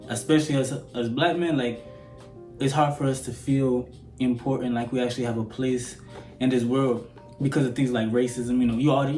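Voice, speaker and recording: An eighteen-year-old vlogger from Sudan with an American accent rants his opinions to camera in a warm, medium-pitched voice. He rambles conversationally and keeps asking if you get what he's saying, with a roomy echo around him.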